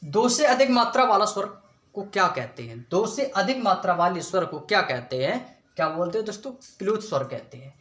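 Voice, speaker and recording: A young man teaching an exam-prep lesson in a high voice. He puts each question to the class and answers it himself, with "friends" in almost every sentence. The room around him is echoey. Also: big pitch swings, a little fast, fairly bright tone.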